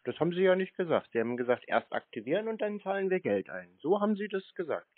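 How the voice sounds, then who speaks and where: A prankster taking scam calls banters with a caller, stringing them along in a nonchalant, stubborn, teasing way. He has a high, sing-song voice and talks fast. The dry recording sounds narrow and phone-like.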